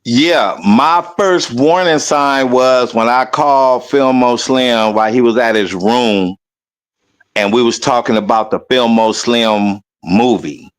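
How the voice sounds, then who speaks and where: A man in casual conversation, telling a rambling story and mimicking other people loudly as he goes. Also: mid-range voice, smooth. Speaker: guest.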